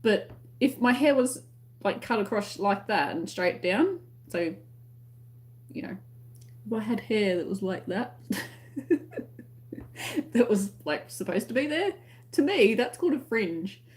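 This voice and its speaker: A woman's voice: medium pitch, lively intonation, measured pace, darkish tone. A woman with an Australian accent chatting casually to live-stream viewers in a rambling, conversational way, often trailing off mid-thought. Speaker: crochet tutorial live-stream host.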